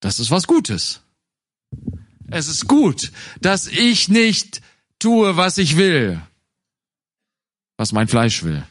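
Male preacher, slow deliberate sermon with lively melody, voices inner dialogue. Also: on the high side, no echo. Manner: animated, acts out inner voices in quotes.

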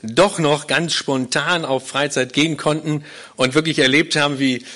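This guest pastor, a man in his forties from Berlin, Germany, leads a small church plant and offers personal testimony to a congregation in a live interview, speaking earnestly and explanatorily. His voice is fairly high, steady in tone, a bit bright, at normal speed.

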